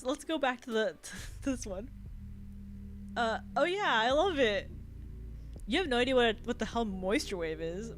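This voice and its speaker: Female game streamer: high voice, informal, giggly, switches between chat and read-aloud narration, music behind.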